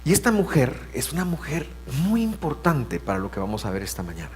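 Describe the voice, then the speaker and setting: Pastor preaching with lively pitch. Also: male voice, fairly quick, long reverb tail, slight background noise. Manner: expressive preaching, swinging between soft asides and loud emphasis. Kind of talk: sermon.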